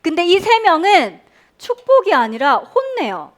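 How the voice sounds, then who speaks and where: A woman's voice: very high voice, unhurried. A woman preaching a Sunday school sermon to children, quizzing them and leading them in repeating phrases. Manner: animated, questioning children and leading call-and-response. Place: church Sunday school room.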